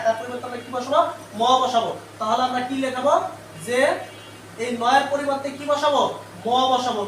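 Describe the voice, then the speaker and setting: A man's voice: very high-pitched, a bit bright, distant mic. A male teacher giving a live online grammar lesson. He keeps quizzing the class with repeated questions and then answers them himself. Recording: echoey room, away from the mic, faint noise.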